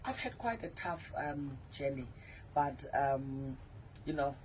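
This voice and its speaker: A woman's voice: a bass voice, lively intonation, slow, a little mellow, a little hiss or hum, rough recording. A woman in her forties, a pastor and author, candidly telling her personal story in a radio interview. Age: 40s.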